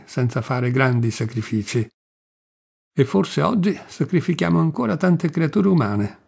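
A man reading the part of an ironic, calm man in a debate, with a gravelly voice. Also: on the high side. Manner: calm, wry. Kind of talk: audiobook reading.

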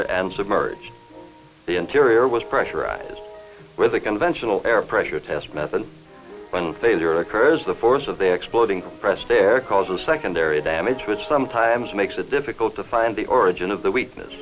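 An American man reads formal, measured, factual narration in the manner of a 1950s industrial newsreel, his fairly low voice expressive. It sits on a vintage film soundtrack with faint music behind and poor audio quality.

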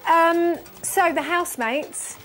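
A woman's voice: extremely high pitch, slow pace, a bit bright, poor audio. A woman giving a breezy, gossipy news report. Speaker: news correspondent.

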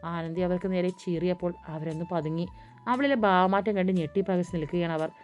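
A woman's voice: brisk, faint music behind. A woman narrating a romantic audiobook story, voicing the dialogue as she reads. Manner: acts out dialogue with raised pitch and force.

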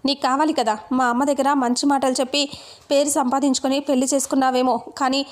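A woman's voice: high-pitched, little pitch movement, fast, natural voice. A woman reading the lines of an angry young husband who feels betrayed, in an accusing tone. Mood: bitter accusing. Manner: accusing, shouting.

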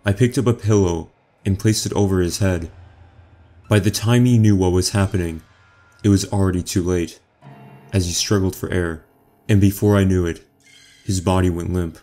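A man narrating a horror story in the first person, quiet, measured and menacing. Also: low-pitched, steady tone, soft background music.

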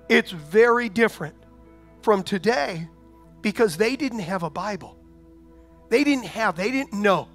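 A man with a very high speaking voice delivers a sermon as pastor. He talks in a conversational way, keeps asking rhetorical questions, and rises to loud proclamations. Soft music plays underneath.

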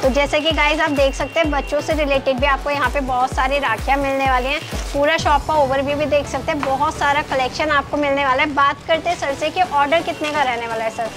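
A woman's voice: high-pitched, fairly even intonation, fast talker, few pauses, music in the background. A young woman hosting a market video, presenting products in an upbeat, casual way with frequent affirmations, recorded indoors on a lapel mic. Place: indoor wholesale shop.

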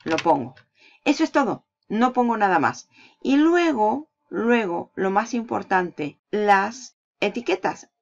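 Lady doing a screen tutorial, bit of fry in her voice, dull lo-fi sound, keys clacking. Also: mid-range voice, expressive, slow pace. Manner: walks through steps while clicking, asks and answers her own questions. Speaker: online marketing tutor.

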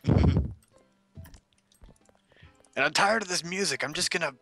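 A man's voice: on the high side, a little slow, a bit bright, faint music behind. A man chatting casually with friends while playing a video game. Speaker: gamer playing as the dad. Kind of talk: casual gaming chat.

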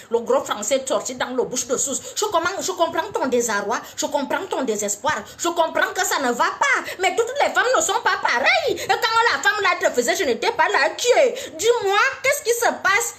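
A woman's voice: very high-pitched, very animated, normal speed, few pauses, a bit bright. A woman giving mock-solemn, teasing comic advice in a live-streamed monologue, talking into a phone.

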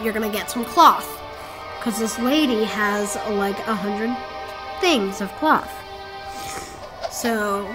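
Over game music, a woman with a fairly high voice gives a casual walkthrough, talking the viewer through the steps. She rambles and keeps correcting herself, and the audio quality is poor.

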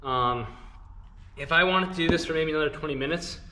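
A man's voice: on the high side, a little fast, noisy background. A young man, out of breath, chatting casually to viewers while showing them how to do something. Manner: chatty, instructive, addresses viewers as guys. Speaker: glove channel host. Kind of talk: casual vlog talk to camera.

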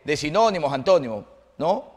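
A Peruvian man with a fairly high voice argues on a sports panel. He is sarcastic and defensive, with drawn-out phrasing. The sound trails off into a long reverb. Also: big pitch swings. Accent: Peruvian Spanish. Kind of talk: heated studio debate.

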